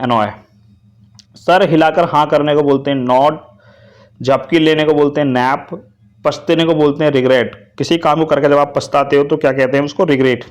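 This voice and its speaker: A man teaching English vocabulary to students, speaking to them directly and asking them to repeat each answer. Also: on the high side. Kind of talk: vocabulary lesson.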